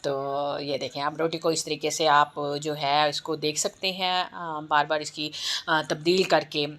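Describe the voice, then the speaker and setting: A woman's voice: deep voice, little pitch movement, measured pace, a bit bright. A woman with a sore throat hosting a home cooking tutorial, explaining step by step and often checking in with the viewer. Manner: chatty step-by-step instruction with frequent "ठीक है" check-ins. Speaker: cooking channel host.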